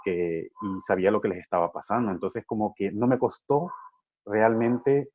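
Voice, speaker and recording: A man's voice: fairly low pitch, fairly even intonation, moderate pace, a little mellow. A middle-aged man from Honduras who works with men's groups, talking reflectively with frequent fillers and repeated words. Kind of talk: reflective conversation.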